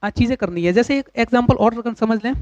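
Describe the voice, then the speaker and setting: A man teaching English grammar in a lecture, explaining patiently with pauses and repeated examples. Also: extremely high pitch, darkish tone, dry recording. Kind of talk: classroom lecture. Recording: dull, dry lo-fi recording.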